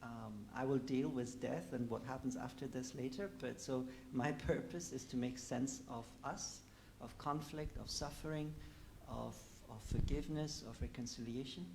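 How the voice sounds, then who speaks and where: A man's voice: mid-range voice, normal speed, vocal fry, hardly any pauses, darkish tone, a little hiss or hum. A man in his forties, born in Afghanistan, a panel guest speaking reflectively with many fillers. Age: 40s. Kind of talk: panel discussion.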